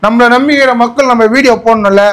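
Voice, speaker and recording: Man, very high voice, playful scolding, repeated commands, comedy skit. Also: quick pace, a bit bright. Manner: barking repeated commands, teasing. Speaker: comedy video creator.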